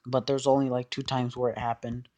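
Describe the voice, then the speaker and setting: A man giving a casual explanatory monologue in a hesitant, halting way, often trailing off. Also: medium pitch, flat delivery, darkish tone, muffled recording.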